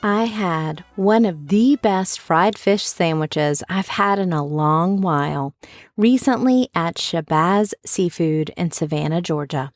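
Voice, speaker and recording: A woman's voice: lowish voice, no echo. A woman hosting a podcast, speaking from inside a clothes closet. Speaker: podcast host. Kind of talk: scripted introduction, then casual interview chat. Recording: close, dry closet sound.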